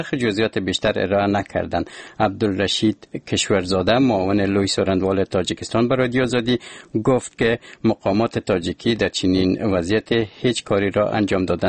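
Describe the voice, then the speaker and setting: A man reading the radio news in a steady, formal way. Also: on the low side, no room sound. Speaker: newsreader. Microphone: studio mic.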